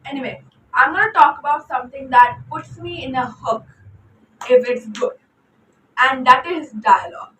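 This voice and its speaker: A young woman with an Indian accent chats loosely and excitedly about a film series, often restarting her sentences. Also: high voice, moderate pace, slight background noise. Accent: Indian English. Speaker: book vlogger. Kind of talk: unscripted fan commentary. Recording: echoey room, distant mic.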